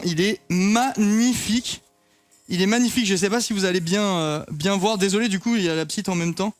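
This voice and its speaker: Chatty young man cooking at home. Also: high voice. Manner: chatty, swears casually, talks to viewers while cooking. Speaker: streamer cooking on stream. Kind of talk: casual live cooking chat. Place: home kitchen.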